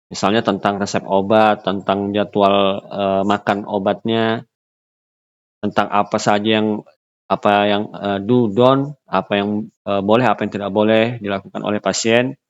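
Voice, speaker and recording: A man with a lowish voice lectures in an unscripted way, halting with fillers and restarting phrases as he explains. The recording sounds dull and lo-fi. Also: level tone.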